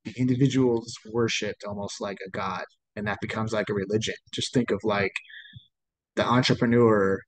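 A man's voice: fairly low pitch, steady tone, normal speed, low-quality recording. A man in his thirties giving an informal sociology lecture, rambling and often checking in with "right?".

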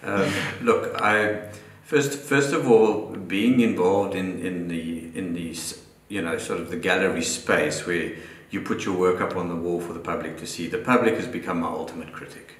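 A man's voice: deep voice, moderate pace, few pauses. A middle-aged man, a guest photographer speaking reflectively in a live panel discussion and often restarting his phrases. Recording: roomy echo.

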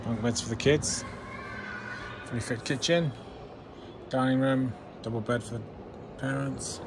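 A man chats casually as he wanders a large indoor museum hall, exclaiming over what he sees. His voice sits in a middle pitch and is caught on a handheld camera mic, with clear background noise all around. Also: steady tone, measured pace. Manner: enthusiastic, exclamatory remarks while walking. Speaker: vlogger. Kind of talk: casual museum walkthrough commentary. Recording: noisy handheld museum recording.

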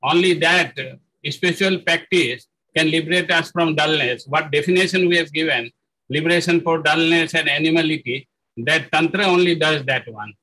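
Bright, high-pitched man lecturing haltingly. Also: poor audio. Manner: halting, with frequent fillers and self-corrections. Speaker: spiritual lecturer. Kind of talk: spoken lecture on spiritual practice.

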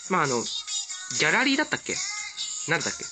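Excitable, gushing game commentator man. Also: on the high side, very fast, over music. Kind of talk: let's-play commentary.

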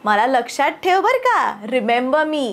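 A woman with a Marathi accent teaching spoken English. She says each English phrase slowly and twice for learners to repeat, and in between she gives quick, encouraging explanations. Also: high voice, big pitch swings. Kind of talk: bilingual spoken-English drill lesson.

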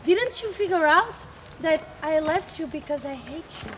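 A woman's voice: high-pitched, lively intonation, moderate pace, a bit bright, slight background noise. Lysander, a woman playing a cold young lover. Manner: blunt, dismissive. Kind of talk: outdoor stage acting.

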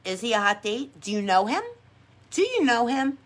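A middle-aged woman with a strong New York accent chats on her livestream while doing her makeup. She talks in a brash, chatty way, laughs easily and repeats her own lines. Her voice sits a little high for a woman. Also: sing-song, normal speed. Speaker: livestream host. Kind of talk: casual live chat while doing makeup.

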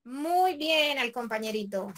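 A woman's voice: sits high, animated, a little slow, fairly bright tone. A woman teacher leading a class step by step, patient and checking in with the students often. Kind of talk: remote class walkthrough.

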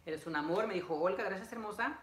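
Talking fast in a high, fairly bright voice, a young adult vlogger builds furniture by hand in a living room while chatting with his livestream audience. He's chatty and repetitive, reading greetings aloud and saying the same phrases again. The recording, from a camera a few feet off, is echoey, noisy, and has clicks.

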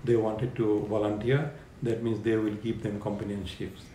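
A man in his fifties from Bangladesh, a care home owner, answering interview questions in a halting way with many fillers, seated on a sofa in a living room. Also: fairly low pitch, flat delivery, warm tone, reverberant, slight background noise.

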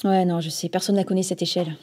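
A woman's voice: on the low side, steady tone, very fast, dark tone, natural voice. A woman playing a bumbling customer service agent, speaking in a phone-greeting manner in a comic training sketch. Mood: flustered, hesitant. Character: bumbling, slightly flippant call-centre customer service agent. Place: small office set, indoors. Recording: background music.

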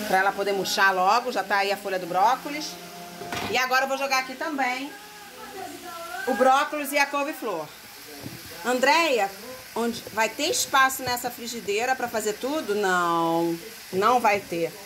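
Her voice sits on the high side and moves at a moderate pace against a noisy background. She's a woman in her forties from Brazil, filming a casual cooking vlog on a close-held phone in her home kitchen, talking to viewers over sizzling food and music.

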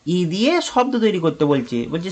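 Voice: mid-range voice, very animated, normal speed, darkish tone. A primary school teacher giving an online lesson, talking patiently and repeating words, spelling them out letter by letter.

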